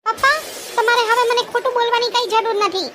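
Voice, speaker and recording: A woman's voice: extremely high pitch, fairly even intonation, quick pace, pitched above the performer's own voice. A woman playing an earnest little cartoon girl. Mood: worried. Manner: earnest, reproachful. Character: worried little daughter, earnest. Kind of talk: cartoon voice acting. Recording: noisy background hiss.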